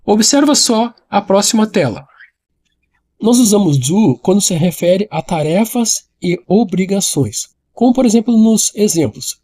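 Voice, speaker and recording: This English teacher's voice is high but gentle and mellow, never sharp, with lively intonation at a measured pace. In his online lesson he addresses the viewer directly and goes over each point patiently more than once.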